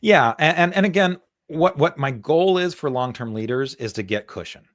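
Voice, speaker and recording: A man's voice: a little high, expressive, normal speed, dry recording, studio quality. Man talking through stock charts. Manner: thinks aloud with many fillers and repeated words. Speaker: co-host, stock market analyst. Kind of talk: conversational market analysis.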